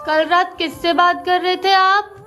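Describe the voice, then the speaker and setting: A young woman with a very high voice plays character after character in short comedy skits. Her delivery stays playful and expressive. Music runs behind her the whole time. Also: unhurried. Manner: playful, switches between characters. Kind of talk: comedy skit role-play. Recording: background music.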